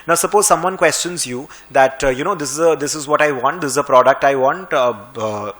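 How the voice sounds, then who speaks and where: Brisk Indian man teaching spreadsheets. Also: a little high, a bit bright. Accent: Indian English. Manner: brisk, conversational, slightly sarcastic. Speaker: finance and Excel trainer. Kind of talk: screen-recorded software tutorial.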